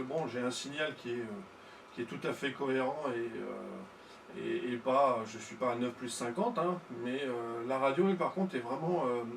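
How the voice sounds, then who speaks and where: Speaking casually as a ham radio operator, a man works through technical details with some hesitation and a bit of vocal fry. His pitch is ordinary for a man. A studio-style mic through a tube preamp captures a noticeably roomy sound with faint background noise.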